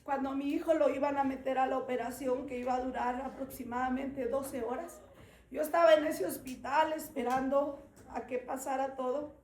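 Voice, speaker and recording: Middle-aged lady pastor preaching her testimony, high voice, earnest and fervent, echoey living room with a bit of noise. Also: fairly even intonation, moderate pace, darkish tone. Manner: earnest, fervent preaching, rising to emphatic calls. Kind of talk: testimony sermon. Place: living room of a full house gathering.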